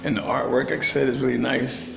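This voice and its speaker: Quick and gravelly, with a medium pitch and a flat delivery, an older man vlogs from a small restaurant and later the street. He speaks chattily and plainly in good spirits into a phone held at arm's length, while music fills the roomy space behind him.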